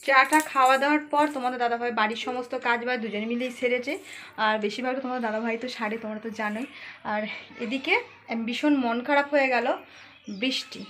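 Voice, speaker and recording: A fast-talking woman with a slightly high voice, chatting casually to her viewers as she cooks in a home kitchen. A faint noise sits under her voice. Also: steady tone, a bit bright. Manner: chatty, talks straight to viewers. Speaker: vlogger. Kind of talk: casual home vlog narration.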